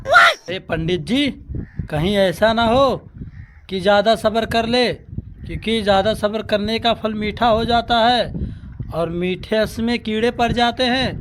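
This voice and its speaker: An impatient, cheeky young groom in a comedy cartoon, voiced by a man. He talks eagerly in a high voice. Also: expressive, measured pace, fairly bright tone, a little hiss or hum.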